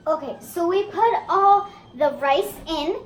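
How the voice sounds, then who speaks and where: High-pitched child in a roomy kitchen. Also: unhurried. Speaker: cooking video host. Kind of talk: casual cooking demonstration. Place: indoor home kitchen. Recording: roomy kitchen echo, background noise.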